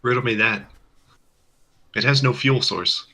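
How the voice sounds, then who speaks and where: A man's voice: mid-range voice, a little slow, pushed and bright. A man in casual chat while playing a game with his brother, wry and talking through what he is doing.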